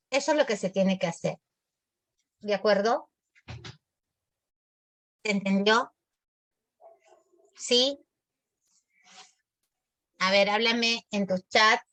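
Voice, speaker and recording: A woman's voice: mid-range voice, sharp tone, no room sound. A woman teaching grammar in an online class, explaining patiently, calling her pupils sweet names and checking often that they follow. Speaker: language teacher.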